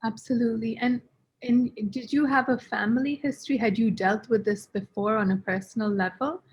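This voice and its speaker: A woman's voice: a little high, steady tone, fairly quick, breathy edge, lo-fi sound. A woman hosting a webinar over a video call, reading a polite introduction and asking questions with a few fillers. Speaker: webinar host. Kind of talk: scripted introduction and interview questions.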